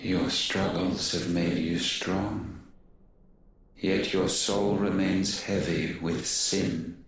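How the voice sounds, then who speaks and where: An actor playing a solemn, menacing godlike villain in a video game, speaking in archaic, doom-laden pronouncements. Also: male voice, sits low, level tone, very slow, a little hiss or hum. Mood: grave, ominous. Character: solemn, menacing dark godlike male villain demanding surrender. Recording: heavy reverb under loud game music.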